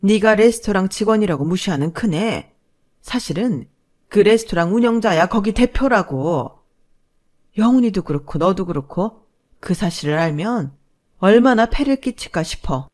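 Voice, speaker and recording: A woman voicing a furious older mother-in-law who scolds loudly in a Korean family story. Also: mid-range voice, animated, normal speed, lightly acted. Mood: indignant. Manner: loud scolding tirade.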